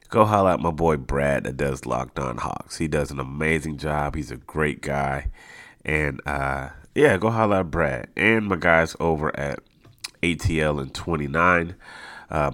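A man's voice: rumbling low, a bit bright, dry recording, studio quality. A man hosting a casual solo sports podcast, a little nasal and congested, talking informally and repeating phrases for emphasis. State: mildly congested from allergies. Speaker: podcast host.

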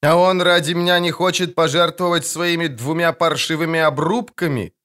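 Guy doing a whiny high siren girl, sing-songy, super vain, sounds like a storybook sea maiden. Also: lively intonation, measured pace, fairly bright tone. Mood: indignant. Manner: sing-song, whining, indignant. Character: vain, shrill young female siren. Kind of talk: audiobook character voice.

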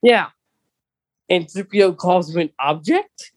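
Animated yet unhurried, a podcast co-host with a mid-range voice runs a casual chat and moves it forward with questions. The speech stumbles with "um"s and frequent self-restarts.

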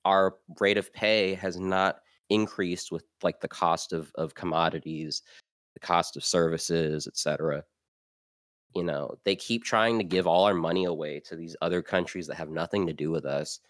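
Man, podcast co-host, very low pitch, laid-back blunt talk, dry close sound. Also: moderate pace, fairly bright tone, dry recording. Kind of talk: casual chat.

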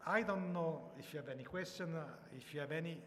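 Italian guy w/ accent giving a talk in a big echoey hall, highish voice, halting, repeats words. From Italy. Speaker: conference speaker, software founder. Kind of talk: informal storytelling talk to an audience with questions. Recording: echoey hall with background noise.

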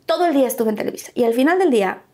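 A woman's voice: high voice, very fast. A Mexican woman with a Mexican accent, an actress telling stories from her life in a casual interview and acting out the dialogue. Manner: animated, acts out quoted dialogue.

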